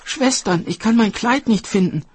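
A man voicing the youngest female fairy in a storybook tale, pleading in a high voice. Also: animated, normal speed, background noise. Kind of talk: storybook narration.

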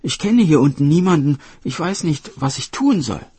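A man voicing the youngest female fairy in a storybook tale, pleading in a high voice. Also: expressive, moderate pace, mellow, breathy edge, no echo. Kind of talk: storybook narration.

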